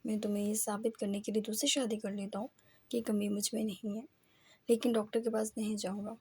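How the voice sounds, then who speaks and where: A woman's voice: mid-range voice, little pitch movement, warm tone, husky. Woman reading as an angry young husband, harsh. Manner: harsh, impatient. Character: short-tempered young married man.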